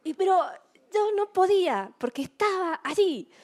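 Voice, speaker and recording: A middle-aged woman preaching a sermon, telling stories in an animated way and acting out her own excited shouts. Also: extremely high pitch, moderate pace.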